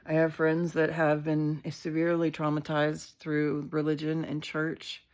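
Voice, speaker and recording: A woman with a notably low, deep voice talks into her phone on a live stream. She is heartfelt and candid, loose with fillers and an occasional swear word. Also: monotone, a little slow, darkish tone. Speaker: community leader hosting a live video. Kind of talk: casual livestream talk.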